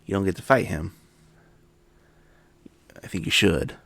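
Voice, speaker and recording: A man's voice: sits low, unhurried, gravelly, a bit bright, breathy edge, no room sound. A man streaming a game from his home office, chatting casually and self-deprecatingly with many restarts. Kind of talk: casual gameplay commentary.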